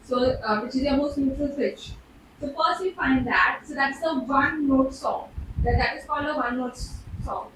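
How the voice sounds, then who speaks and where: A woman with an Indian accent talking informally on stage at an open mic, nervous and hesitant, with halting false starts. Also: sits high. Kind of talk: informal rambling talk on stage. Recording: very echoey room, distant mic, background noise.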